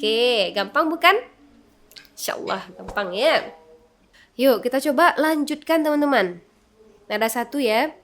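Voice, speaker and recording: A woman teaching Quran recitation melody, explaining softly and then singing verses louder and higher as examples. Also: lively intonation, unhurried, long pauses, slight background noise. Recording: echoey room with long reverb.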